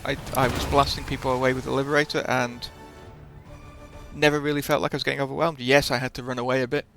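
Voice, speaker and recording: Guy doing casual game commentary, bit of fry in his voice, stops and restarts sentences, music underneath. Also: medium pitch, level tone, fast talker, fairly bright tone. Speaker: gaming video host.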